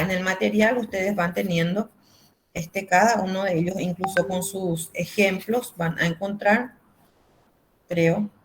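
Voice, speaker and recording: Over a video call, a woman who teaches Spanish walks through grammar patiently, with simple examples and frequent filler words. Her voice is fairly low, with a little hiss or hum in the recording.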